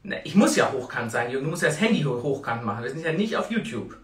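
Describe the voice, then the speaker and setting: A woman in her forties hosting a casual live stream, chatting in an expressive, exclamatory way. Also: a bass voice, quick pace. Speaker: host of a live-stream talk show. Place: small tiled room indoors.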